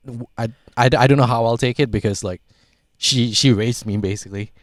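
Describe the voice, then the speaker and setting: A man from Singapore hosts a casual podcast. His voice sits at an average pitch, and he rambles with plenty of "like" and the odd curse. The recording is dry and close. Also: steady tone, brisk, no room sound. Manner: rambling, swears freely, frequent "like". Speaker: podcast host.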